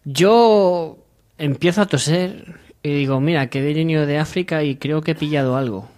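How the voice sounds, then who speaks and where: A man's voice: a little high, fairly quick. A young man from Madrid, joking and acting out dialogue as humor contributor in a small radio studio. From Madrid, Spain. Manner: animated, gesturing, acts out dialogue in voices. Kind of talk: comedic radio chat. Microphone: desk mic on stand.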